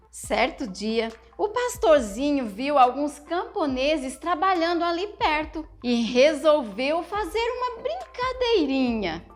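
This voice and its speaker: High-voiced woman telling children's stories. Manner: speaks to children with frequent questions; gentle, teaching tone. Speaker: children's storyteller.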